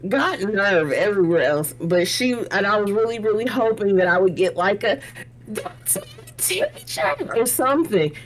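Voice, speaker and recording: A woman's voice: medium pitch, big pitch swings, normal speed, poor audio. A woman co-hosting a casual review chat, telling stories in a chatty way and laughing often. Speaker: podcast co-host.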